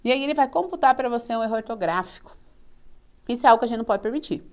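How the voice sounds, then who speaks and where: Woman, teacher, video lesson, fairly high voice, animated, mimics students. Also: racing. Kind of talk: video lesson on writing rules.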